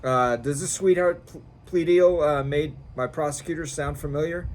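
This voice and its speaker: An American man co-hosting a casual political chat outdoors, speaking haltingly in an incredulous, sarcastic way. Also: a little high, fairly even intonation. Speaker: co-host of a political commentary show. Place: outdoors in a backyard. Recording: clear background noise, outdoor backyard ambience.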